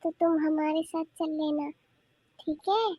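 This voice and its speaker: A sly young cartoon aunt coaxes the family in a sweet, soft-spoken high voice, as a woman voices her. The recording is dry and close. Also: steady tone, a little slow, dry recording. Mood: coaxing. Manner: sweet, coaxing, conspiratorial. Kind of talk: cartoon voice acting.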